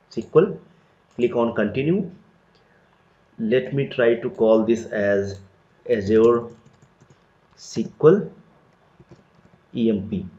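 Man walking through a software tutorial. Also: medium pitch. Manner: step-by-step, plain explanatory delivery with frequent "so" and "let me". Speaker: tutorial instructor. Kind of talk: screen-recorded software tutorial. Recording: roomy, dull lo-fi recording.

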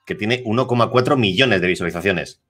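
A man hosts in a lively, slangy, rambling manner. His voice sits fairly low but has a bright, forceful edge. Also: fairly quick. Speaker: interviewer host. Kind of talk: casual chat.

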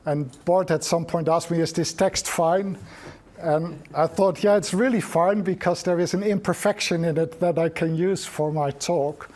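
A middle-aged man lecturing at a seminar, with a voice that sits a little higher than most men's. He thinks aloud as he goes, pausing often and restarting his sentences. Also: steady tone, darkish tone. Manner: reflective, thinks aloud with frequent restarts and ums. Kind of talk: academic seminar talk.

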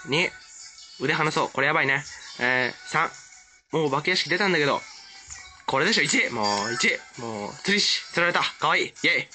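Excitable, gushing game commentator man. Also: on the high side, a little fast, soft background music. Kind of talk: let's-play commentary.

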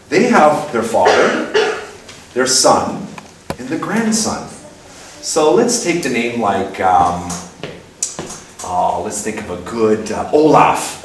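Animated man lecturing in an echoey room. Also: medium pitch, recorded from a distance. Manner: playful, acts out little scenes in put-on voices. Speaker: speaker giving a talk. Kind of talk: lively lecture with acted mini-dialogues. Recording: very echoey room, speaker away from mic, faint noise.

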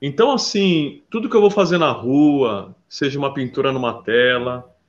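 A man being interviewed as a visual artist, telling stories in a lively, casual way and often calling the listener "brother". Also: medium pitch, normal speed. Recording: dull lo-fi sound.

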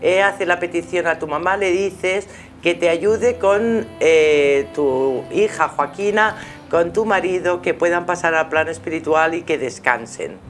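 A middle-aged woman with a Spanish accent hosts a live call-in show, offering spiritual guidance to a caller and warmly calling her by endearments. Her voice sits low and unhurried. She speaks from a small TV studio hung with curtains while music plays behind her.

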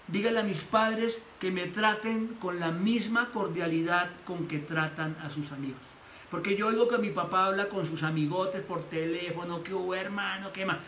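A man's voice: high voice, a bit bright. A man preaching a sermon as pastor, animatedly acting out the voices he quotes. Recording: echoey room with faint noise.

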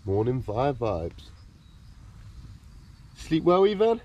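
A man talks through a camping trip in an easy, offhand way. His voice is dark and mellow. He is outdoors in a wood, on a handheld camera. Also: medium pitch, takes it slowly, highs cut off, slight background noise. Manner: relaxed, offhand commentary. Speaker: vlogger. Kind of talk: casual vlog narration. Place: woodland camp, outdoors.

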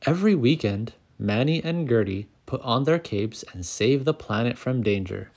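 A man narrating a children's picture book aloud, calm and clear, as the channel's storyteller. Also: medium pitch, moderate pace.

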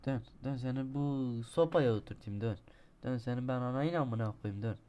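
A young man commenting on his own gameplay, talking to himself, boasting and cursing, with sudden shouting outbursts. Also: mid-range voice, moderate pace, muffled recording. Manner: swearing, shouting outbursts at the game; self-talk, boastful then exasperated. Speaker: gaming streamer. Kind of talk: let's-play commentary.

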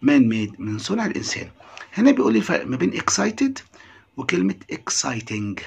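A man with an Egyptian Arabic accent, teaching English vocabulary by repeating words slowly and translating them. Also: mid-range voice, huge pitch swings, creaky, husky. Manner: drills words slowly with repetition, then translates. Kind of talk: classroom lesson.

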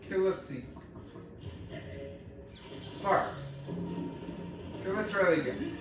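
A man with a high voice giving casual play-by-play over game music, calling out each move in short bursts. He sounds far from the mic in a very echoey room. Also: animated, slow, noisy background. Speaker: gameplay commentator.

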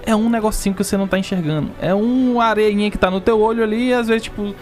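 A man's voice: sits high, quick pace, a little mellow. A young man with a Brazilian accent hosting a casual podcast conversation in slangy speech. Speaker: podcast host. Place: indoor podcast studio. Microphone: close dynamic mic. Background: music.

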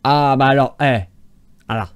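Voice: medium pitch, fairly even intonation, moderate pace, smooth, no room sound. A YouTuber mocking online classified ads in casual commentary. The speaker sounds exasperated and sarcastic and rambles with restarts.

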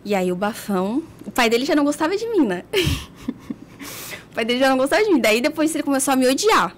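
Appearing as a podcast guest, a blunt, candid Brazilian woman tells her own story at a quick pace, holding nothing back. Her high voice swings up and down with energy, and she laughs between lines over slight background noise.

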